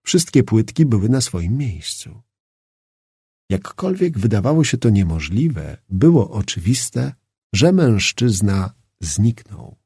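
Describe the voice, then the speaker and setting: A man reads a novel aloud with expressive, dramatic storytelling and a lively, swinging pitch. His voice is gravelly and husky. The recording is close and dry. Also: slow, dry recording. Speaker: audiobook narrator. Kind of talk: scripted narration.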